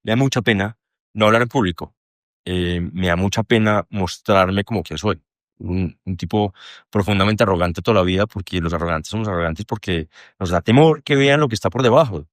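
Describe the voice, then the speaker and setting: A young man with a Colombian Spanish accent talks candidly and at length as a podcast guest, rambling, self-deprecating, and swearing freely in casual conversation. His voice is lowish and brisk, recorded at studio quality with no echo.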